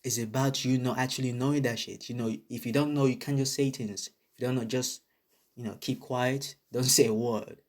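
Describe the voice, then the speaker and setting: A Nigerian vlogger with a Nigerian accent rants bluntly to the camera, giving his opinions in a casual video. He swears a lot and repeats himself for emphasis, using a mid-range voice with a steady tone at normal speed.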